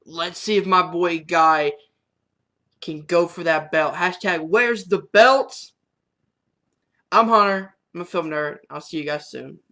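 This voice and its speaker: A man hosting, wrapping up the show in a hyped, relaxed way. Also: a little high, takes it slowly. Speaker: host. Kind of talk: show sign-off.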